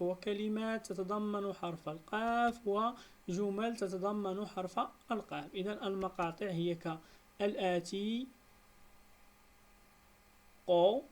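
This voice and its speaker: Slow, deliberate Moroccan woman teacher. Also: medium pitch. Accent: Moroccan Arabic. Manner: slow, deliberate, syllable-by-syllable reading, stretching example words. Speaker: primary school teacher. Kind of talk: reading lesson for beginners.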